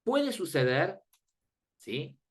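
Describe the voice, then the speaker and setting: A man's voice: fairly high pitch, big pitch swings, very slow, slightly rough. A man teaching a class, explaining step by step and often checking that the students follow, in an informal, friendly manner. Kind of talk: classroom lecture on databases.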